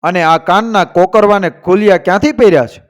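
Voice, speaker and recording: A man's voice: sits high, fairly quick, voice pushed up, natural voice. A man voicing a threatening male outlaw horseman who makes harsh demands. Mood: menacing.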